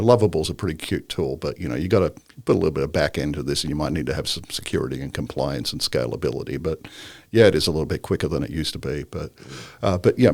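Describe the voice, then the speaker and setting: Deep gravelly man, rambling talk. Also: a little mellow, dry recording. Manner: rambling, filler-heavy, joking. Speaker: guest entrepreneur. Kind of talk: casual interview chat.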